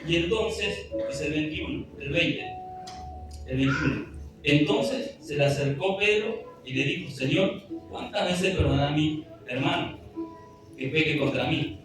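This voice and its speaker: A man preaches a sermon in an earnest, pleading way, his voice sitting a little high. He sounds far from the mic in a strongly echoing hall, with music clearly playing behind him. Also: animated, measured pace. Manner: earnest, pleading, reads scripture aloud. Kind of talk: sermon with scripture reading. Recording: echoey room, distant mic, music behind.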